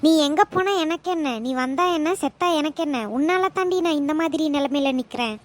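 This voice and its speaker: A woman's voice: high-pitched, fairly quick, close to an everyday voice. A woman voicing a bitter widowed mother in a cartoon, scolding and scornful. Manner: scolding, contemptuous.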